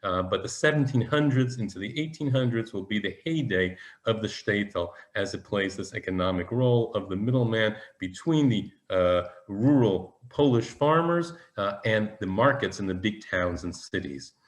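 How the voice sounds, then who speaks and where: A man giving an explanatory history lecture over slides, often restarting his sentences and filling pauses. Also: lowish voice, expressive. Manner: explanatory, many fillers and restarts. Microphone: webinar presentation.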